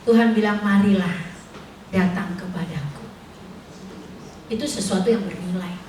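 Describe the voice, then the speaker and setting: A woman's voice: lowish voice, a little slow, distant mic, background noise. A middle-aged woman preaching an informal sermon at a prayer fellowship, chatty and colloquial, mixing in personal stories and questions to the congregation. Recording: echoey hall, voice picked up from afar.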